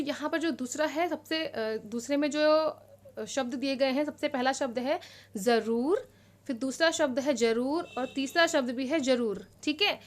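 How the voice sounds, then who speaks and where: A woman with a bright, high-pitched voice teaches young children through a worksheet. She explains each word slowly and patiently and keeps checking that the class is following along. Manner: patient, explains step by step, says "theek hai" often. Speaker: primary school teacher.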